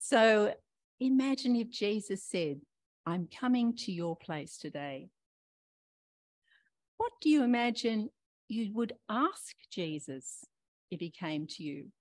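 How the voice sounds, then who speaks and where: An older woman preaching a gentle, reflective sermon, talking straight to her listeners and asking them questions. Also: mid-range voice, sing-song, slow pace, pauses often, no room sound. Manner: warm questioning, talks to listeners directly.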